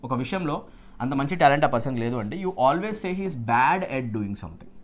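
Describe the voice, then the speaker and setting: A male English teacher with an Indian English accent who explains exam questions in Telugu mixed with English. He keeps asking "right?" and "okay?", slows down sharply to stress English phrases, then rushes through the explanation. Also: mid-range voice, animated.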